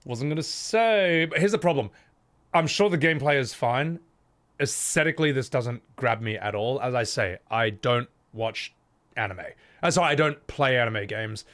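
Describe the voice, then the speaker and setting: Blunt sweary man with lively, swooping pitch. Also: normal speed. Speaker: streamer reacting to game trailers. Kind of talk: casual live commentary.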